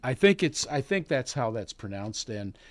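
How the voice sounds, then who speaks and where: A man hosting a live morning radio show, chatting in a halting, folksy way from the studio and calling listeners neighbor. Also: mid-range voice, sing-song, dry recording. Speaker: radio host. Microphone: studio mic.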